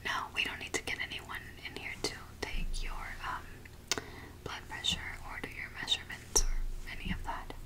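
Whispered role-play, woman as easygoing female eye doctor. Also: close to an everyday voice. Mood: casual, chatty. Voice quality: soft, breathy, unvoiced whisper. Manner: halting, murmured one-sided conversation with pauses for replies. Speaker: ASMR performer. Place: small home office, indoors. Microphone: large microphone close beside her.

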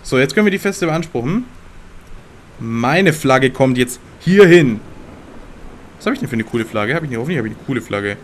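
A young man commentating his gameplay in a slangy, excitable way and talking back to the game characters. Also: mid-range voice, fairly quick, pauses often, a little hiss or hum. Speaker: let's play gamer.

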